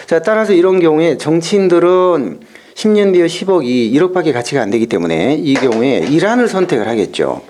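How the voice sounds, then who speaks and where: Guy teaching a prep class, high-ish voice, swings his pitch a lot, walks you through the numbers. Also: sing-song, fairly quick, a little mellow. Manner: explanatory, steps through worked examples, keeps opening with "자". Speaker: lecturer. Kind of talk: exam-prep lecture.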